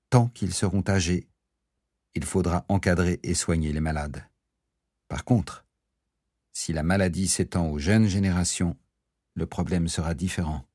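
A man reading an audiobook plays a weary, wry doctor who talks in a calm, explaining manner. The voice is very deep and husky. It is recorded close to the mic, with a dry sound. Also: dry recording. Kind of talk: audiobook character voice.

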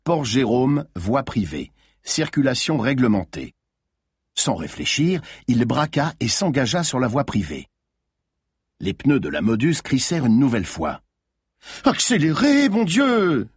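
Man narrating a thriller, kinda raspy, dead dry sound, dramatic. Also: mid-range voice, big pitch swings, a little slow, no echo. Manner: tense dramatic reading. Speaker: audiobook narrator.

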